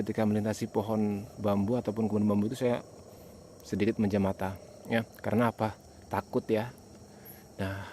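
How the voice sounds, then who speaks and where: Low-voiced man, night vlog. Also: a little mellow. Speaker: host of a night exploration vlog. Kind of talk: casual vlog narration to viewers. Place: outdoors at night in the countryside. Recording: outdoor night recording with insect noise.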